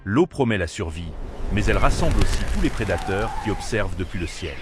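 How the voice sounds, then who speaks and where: A man's voice: lowish voice, animated, fairly quick. A man delivering scripted wildlife documentary narration in a solemn, dramatic manner. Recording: narration over prominent music. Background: music.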